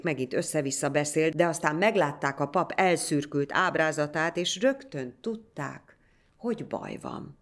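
A woman narrating a folk legend in a measured, scripted storytelling manner. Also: deep voice, gravelly.

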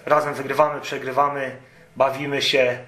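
A man's voice: medium pitch, flat delivery, moderate pace, a bit bright. A man being interviewed as a guest, answering modestly in short, guarded replies and keeping some things to himself. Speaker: guest, amateur football goalkeeper. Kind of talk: casual interview. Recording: roomy sound with faint noise.

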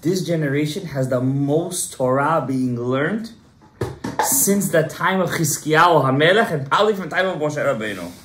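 A man's voice: on the high side, expressive, moderate pace, a bit bright, soft background music. A man in his thirties, a rabbi giving an emphatic Torah class to a small group and quizzing his listeners. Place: synagogue study room, indoors. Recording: roomy echo.

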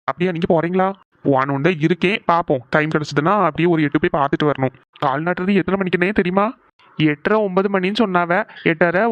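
A man's voice: a little high, no room sound, close to an everyday voice. A man voicing a chatty village man gossiping about family. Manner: casual gossiping, rural Tamil speech. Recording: dry, dull lo-fi sound.

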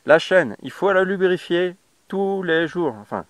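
His voice high-pitched and expressive, a thirtysomething French motorcycle travel vlogger talks through a how-to in an unhurried way. He's outdoors by a grassy roadside, addressing the camera casually, bluntly and with lots of slang and fillers. The sound comes from a lapel mic on his riding jacket.

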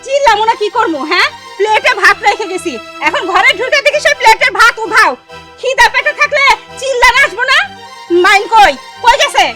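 A woman playing a quick-tempered stepmother and mother-in-law who nags and shouts at her household. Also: animated, music in the background. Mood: complaining. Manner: shrill, scolding, nagging. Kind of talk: village comedy drama acting.

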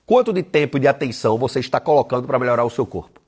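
Guy ranting on a live, blunt and sweary, husky voice, pitch jumping all over. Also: lively intonation, rapid-fire, darkish tone. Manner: blunt, profane, emphatic; tells stories and voices the people in them. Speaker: online weight-loss coach. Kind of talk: live-stream motivational talk.

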